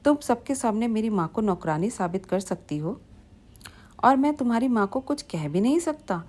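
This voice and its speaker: A woman's voice: fairly high pitch, expressive, normal speed, a little mellow. A woman voicing an angry young husband who sternly rebukes his wife in a family storybook tale. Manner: stern, reproachful. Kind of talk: storybook reading.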